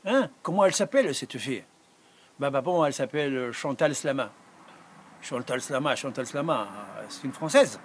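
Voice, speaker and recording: A man's voice: mid-range voice, expressive, normal speed, slight background noise, close to an everyday voice. A man voicing a stern, traditional old immigrant father who questions his son.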